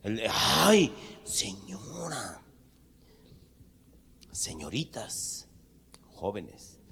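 A man's voice: lowish voice, very animated, very slow, vocal fry, a bit bright, slight background noise. A man with a Mexican accent telling a crude stand-up joke, full of slang and rambling asides. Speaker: comedian.

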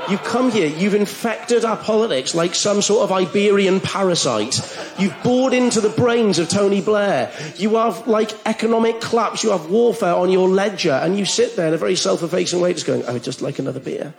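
Sarcastic male comedy host, slightly high voice, echoey room. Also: normal speed, vocal fry, hardly any pauses. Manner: teasing, sarcastic, escalating mock outrage. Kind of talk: comedic interview, mock-accusatory banter. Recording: roomy echoey venue.

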